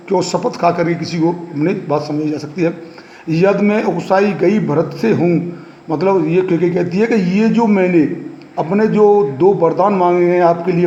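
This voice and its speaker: A man's voice: high-pitched, dark tone. A male Hindi teacher explaining a poem line by line, checking in often with the class as he paraphrases each verse. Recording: echoey, dull lo-fi room recording.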